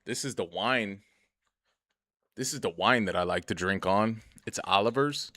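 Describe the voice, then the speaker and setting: Here a young man streams a game with a lowish, pushed, bright voice at a measured pace, chatting profanely and aimlessly about himself. He laughs a lot during the casual commentary, and the recording is dry.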